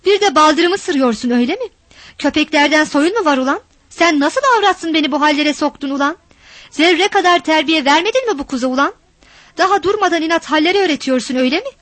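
A woman voicing a harsh, violent village father who shouts, curses and threatens. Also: high-pitched, no room sound, pitched above the performer's own voice.

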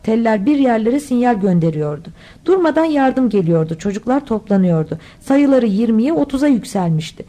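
A woman narrating an audiobook with a mellow, warm tone and a voice pitched a little high for a woman. She reads steadily and dips lower when she does the characters. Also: big pitch swings, normal speed. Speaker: audiobook reader.

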